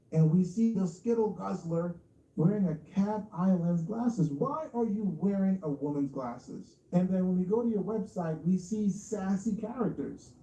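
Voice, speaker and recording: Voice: mid-range voice, warm tone. A smug, sarcastic online host giving a mocking, taunting exposé over clips, full of rhetorical questions. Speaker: online commentary show host. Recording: echoey, dull, distant mic.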